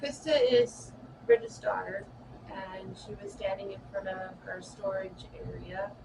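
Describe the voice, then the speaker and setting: A woman's voice: mid-range voice, expressive, a little slow, gravelly. Chatty woman telling ghost stories. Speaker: shop owner and florist. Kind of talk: casual storytelling to ghost hunters. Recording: distant mic with loud background noise.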